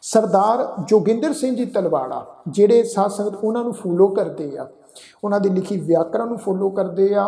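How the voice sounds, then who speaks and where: A man teaching scripture recitation, reading verses in a slow, drawn-out chant and then explaining pronunciation in brisk everyday speech. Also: sits high, animated, vocal fry, warm tone. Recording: echoey room.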